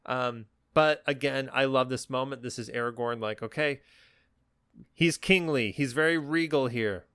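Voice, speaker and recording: A man's voice: medium pitch, normal speed, fairly bright tone, clean tone, no room sound, clean studio sound. A man co-hosting a podcast, talking casually and earnestly about a film he is enthusiastic about. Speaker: podcast co-host. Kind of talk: casual, reflective film discussion.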